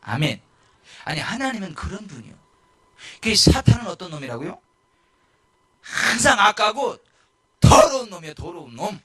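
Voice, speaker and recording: Male pastor, sermon, lively swooping pitch, bright husky voice, breaks into shouts. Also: moderate pace, long pauses. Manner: animated, shouting at peaks, mimicking people. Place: church.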